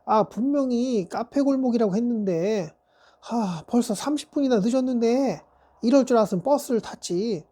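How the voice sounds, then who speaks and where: A woman's voice: a little high, lively intonation, normal speed, warm tone. A woman voicing a sulky child who grumbles and complains to their father. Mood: grumbling. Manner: complaining, whiny.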